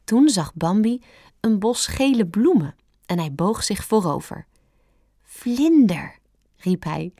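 Slow, gentle woman reading a storybook. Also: mid-range voice, no room sound, clean studio sound. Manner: calm, gentle and expressive. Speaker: narrator.

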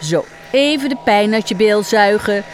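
A woman's voice: medium pitch, lively intonation, normal speed, slight background noise, lightly acted. A woman voicing a playful, bossy little girl clown pretending to be a doctor.

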